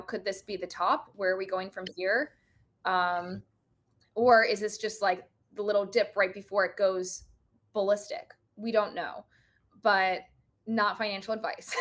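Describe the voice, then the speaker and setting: Woman guest on a chat stream, mid pitch, thinks out loud, lots of ums and restarts. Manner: thoughtful, hesitant, many fillers and restarts. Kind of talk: casual livestream chat.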